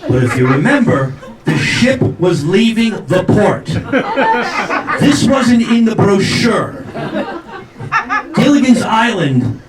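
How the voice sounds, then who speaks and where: A man's voice: sits high, very animated, slow pace, long pauses, a loud crowd. A middle-aged man doing a brash, rambling, self-mocking stand-up comedy set. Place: live comedy show venue. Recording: roomy live venue, distant mic, loud noise.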